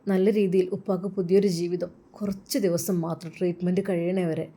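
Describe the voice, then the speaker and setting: A woman voicing a devoted young adult son who gently reassures his sick father, in a storybook tale. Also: fairly low pitch, flat delivery, brisk, close to an everyday voice. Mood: reassuring.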